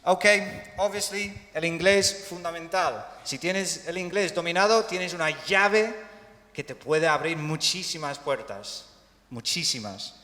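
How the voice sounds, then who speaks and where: Lively teacher in an echoey hall. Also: male voice, a little high. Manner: lively, drills words slowly, switches between English and Spanish. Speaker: English teacher. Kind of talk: bilingual pronunciation class. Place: hospital lecture hall. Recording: echoey hall with long reverb.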